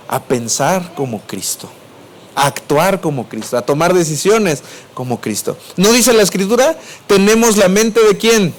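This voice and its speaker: High-voiced Mexico City preacher. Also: male voice, a little hiss or hum. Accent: Mexico City Spanish. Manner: asks the congregation questions and answers them; swings between raised and dropped voice. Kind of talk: sermon.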